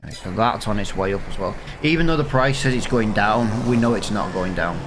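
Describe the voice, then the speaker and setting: Over some background noise, a man with a low-leaning, stuffy, sniffly voice briskly narrates his farming game session for his gaming channel, thinking aloud casually with plenty of fillers.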